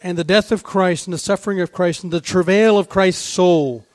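A man preaching a sermon with fervour, posing rhetorical questions and moving between hushed and raised delivery. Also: high-pitched, fairly even intonation, moderate pace, no room sound, studio quality.

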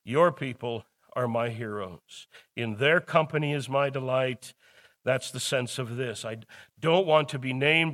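A man's voice: medium pitch, fairly bright tone. A man teaching a Bible study lecture, explaining a psalm and retelling its story with quoted voices.

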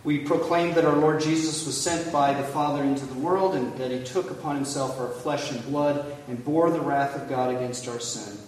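A man's voice: medium pitch, darkish tone. Male pastor, liturgical reading, cathedral echo with long reverb, distant mic, faint hiss. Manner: measured, solemn prayer recitation. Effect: heavy cathedral-like echo. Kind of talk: leading a communion liturgy. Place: large church sanctuary. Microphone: far from the mic. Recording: echoey hall from far off, faint hiss.

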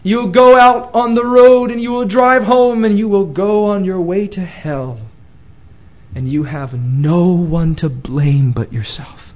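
A male preacher giving an impassioned sermon in a church, pleading and calling out, then dropping to a hushed tone. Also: fairly high pitch.

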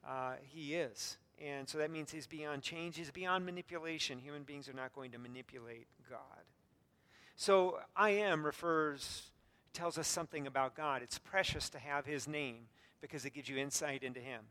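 Preaching at a moderate pace with a sharp tone, a pastor is earnest and gently pokes fun at himself, including calling his own voice squeaky. Fillers and restarts are frequent, and the recording carries a hall's long reverb.

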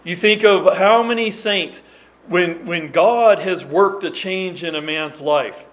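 A man's voice: sits high, slow. A man preaching a sermon, earnest and emphatic, reading scripture in old-fashioned wording and often restarting his phrases. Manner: restarts and repeats words while explaining.

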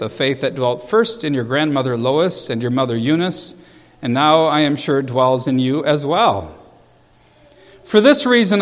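A male pastor preaching a sermon in a church, emphatic and repeating phrases for stress. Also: mid-range voice. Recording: long church reverb.

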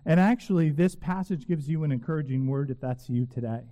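A man preaching a sermon in a church sanctuary, earnest and emphatic, slowing down to repeat phrases with weight. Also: on the high side, mellow. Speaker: pastor. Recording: long reverb of a church hall.

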